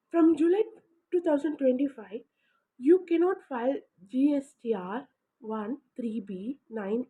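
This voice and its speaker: A woman's high voice in Kannada-accented English, presenting an informal explainer. She talks in emphatic, halting phrases, and the sound is thin and narrow, like a phone line. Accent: Kannada-accented Indian English. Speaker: host of an explainer channel. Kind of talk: informal explainer addressed to viewers.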